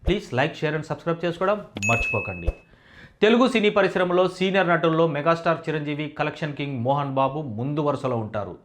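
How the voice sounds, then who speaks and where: A man giving a scripted entertainment news voice-over in a steady, formal reading manner. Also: fairly high pitch, brisk.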